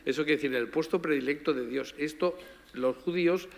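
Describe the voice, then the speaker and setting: A man's voice: on the high side, brisk, gravelly. A middle-aged man giving a public lecture, explaining at length with asides and self-corrections. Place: lecture hall. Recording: reverberant hall.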